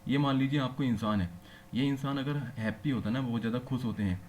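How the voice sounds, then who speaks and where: A man at an ordinary middle pitch teaches a lesson, explaining each point patiently. He keeps turning to his listeners with quick questions to make sure they are following. A faint background noise runs under his voice. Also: darkish tone. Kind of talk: classroom lecture.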